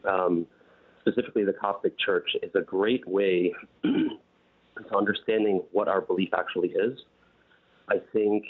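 A man calling in to a show, talking in an earnest, steady way with occasional fillers. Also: on the low side, breathy edge. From United States. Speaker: caller. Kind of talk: call-in show comment. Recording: tinny phone line.

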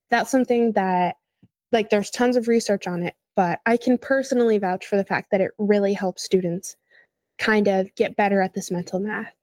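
A woman's voice: medium pitch, a little mellow, dry recording. Young woman math teacher, upbeat and explainy, dry close mic. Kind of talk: casual podcast chat.

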